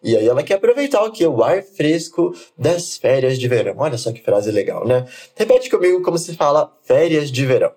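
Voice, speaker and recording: A man teaching German, saying phrases slowly for the learner to repeat and then explaining them quickly. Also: a little high, very animated, darkish tone. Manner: slow, deliberate model phrases alternating with quick explanations. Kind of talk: language lesson with repeat-after-me drills.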